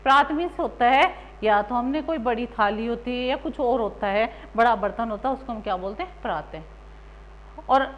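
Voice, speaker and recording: A woman's voice: high-pitched, fairly bright tone, poor audio. A woman teacher giving a grammar lesson, asking the class questions and then answering them herself.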